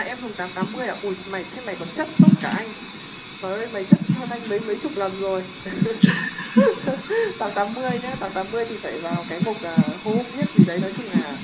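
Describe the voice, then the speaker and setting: A young man teaching a math lesson in a casual, joking way, often checking that his students are following. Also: high-pitched. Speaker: math tutor. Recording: loud background noise.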